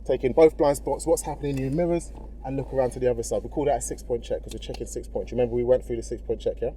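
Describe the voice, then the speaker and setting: Talking very fast in a warm, medium-pitched voice with fairly even intonation, a driving instructor walks his learner through each step casually and encouragingly, often checking they follow. The setting is a car in a car park, with vehicle noise behind.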